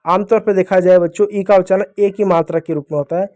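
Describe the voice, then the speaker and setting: A young man teaches small children how to read, his voice pitched high yet soft and mellow. He goes patiently, posing each rule as a question and then answering it himself. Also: steady tone, quick pace. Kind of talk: phonics lesson for young children.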